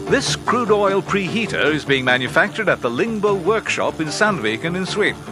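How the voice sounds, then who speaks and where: A man narrating an industrial training film in a measured, instructive way, as a studio voice-over. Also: high voice, very animated. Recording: faint music behind narration.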